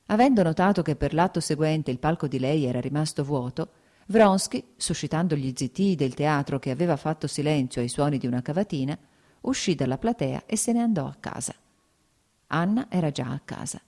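Low, mellow woman narrating an audiobook. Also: animated, a little fast.

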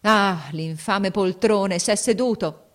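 A woman voicing a fierce, desperate army captain in a storybook reading, shouting orders through clenched teeth. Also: lowish voice, animated, unhurried. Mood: shouting urgently.

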